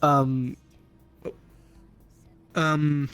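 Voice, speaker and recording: A man with a fairly high voice rambles through his story, breaking off and starting over. He talks casually with friends, and faint music plays behind him. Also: level tone, very slow, fairly bright tone, smooth. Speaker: roleplayer, medic player. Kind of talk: casual group chat.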